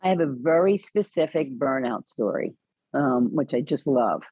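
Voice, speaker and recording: A woman guest on an interview podcast, telling a personal story in an earnest, animated way with many restarts. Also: very deep voice, normal speed, husky, dry recording, dull audio. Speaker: podcast guest, caregiving advocate.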